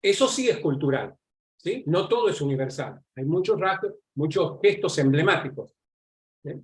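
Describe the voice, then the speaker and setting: Argentine guy teaching an online class, bit high pitched, keeps checking everyone's following along. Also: lively intonation, normal speed. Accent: Argentine Spanish. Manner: checks in constantly with the audience, conversational and explanatory. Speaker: lecturer on nonverbal communication. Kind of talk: live online class lecture.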